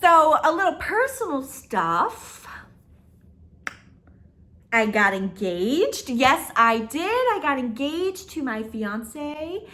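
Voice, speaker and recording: Chatty, high-voiced young woman vlogger. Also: very animated, takes it slowly, sharp tone. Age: 20s. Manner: chatty, laughs often, emphatic. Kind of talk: casual chat to camera. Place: her own apartment, indoors.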